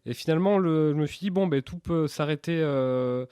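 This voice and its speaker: A man's voice: on the high side, moderate pace, dark tone, smooth, no echo, clean studio sound. A man, giving candid interview answers earnestly and hesitantly, often repeating words mid-sentence. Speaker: interview guest, entrepreneur.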